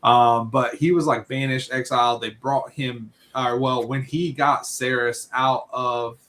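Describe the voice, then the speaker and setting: On a book-club podcast, this co-host speaks at medium pitch with fairly even intonation, unhurried and a bit bright. His talk is rambling and filler-heavy, with frequent "right?" tags.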